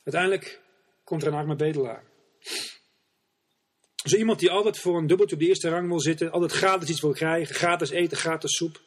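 Male preacher, sermon storytelling, earnest, deliberate, husky voice. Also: on the high side.

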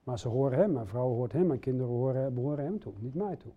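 A man's voice: medium pitch, animated, fast talker, slightly rough. A middle-aged man preaching a sermon, speaking earnestly and putting direct questions to his listeners. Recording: dull lo-fi recording.

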